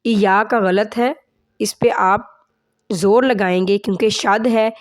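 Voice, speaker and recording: A woman teaching a tajweed lesson, patiently correcting mistakes step by step and reciting in a slow, drawn-out chant. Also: mid-range voice, fairly even intonation. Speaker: Quran teacher.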